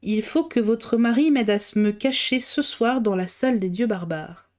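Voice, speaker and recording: A composed young reporter, read by a woman in a slightly lowered voice. He speaks in a measured, firm way and stays calm. His lines come from a serialized novel read aloud. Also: natural voice. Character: cool young male journalist, calm and firm.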